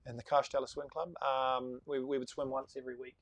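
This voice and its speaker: A man of about forty, a sailing charter boss talking as a guest in a casual live-stream interview, a lively storyteller who talks in quick bursts. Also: mid-range voice, creaky, no room sound.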